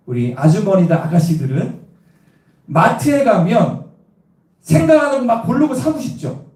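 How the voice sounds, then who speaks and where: A middle-aged pastor from Cheongju, South Korea, delivers an evangelistic sermon in a high voice, lively and quizzing his congregation while telling humorous personal stories. The recording comes from a distance in an echoey church sanctuary.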